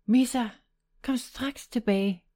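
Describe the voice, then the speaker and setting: A woman voicing a young girl who is curious and gentle, speaking softly and wonderingly in a storybook. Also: on the high side, voice pushed up, close to an everyday voice. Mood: calling out.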